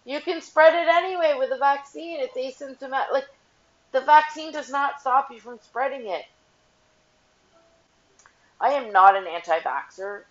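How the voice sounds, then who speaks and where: A woman's voice: sits high, moderate pace, pauses often. A woman and mother ranting casually to camera, blunt and profane, rambling with lots of "like". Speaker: vlogger, mother. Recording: dull lo-fi audio.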